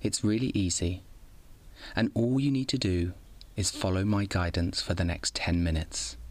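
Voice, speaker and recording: A man narrating a bedtime guided meditation as host, like a sleep story narrator, in a calm, soothing, unhurried way. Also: low-pitched.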